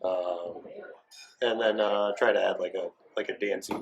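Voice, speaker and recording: A low-voiced man from Rhode Island talks in a laid-back, hesitant way with a wry edge. Faint clicks can be heard behind him. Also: fairly even intonation, a little slow, gravelly, slight background noise. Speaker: bassist. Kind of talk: casual interview answers.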